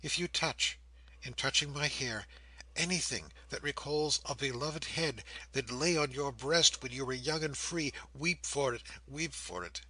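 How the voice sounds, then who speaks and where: A man voicing a gentle, devoted young woman who pleads solemnly and repetitively with her father in an audiobook. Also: medium pitch, measured pace, breathy edge, pitched above the performer's own voice, heavily acted, poor audio. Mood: fervent pleading.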